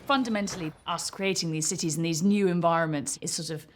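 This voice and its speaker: A woman's voice: fairly low pitch, fast talker, slight background noise. A woman zoologist presenting in on-location conversation.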